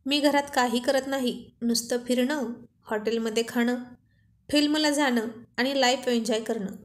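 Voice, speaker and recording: A woman's voice: a little high, steady tone, moderate pace, natural voice. A woman reading as a haughty, bragging young wife. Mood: boastful. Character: boastful, proud young married woman showing off.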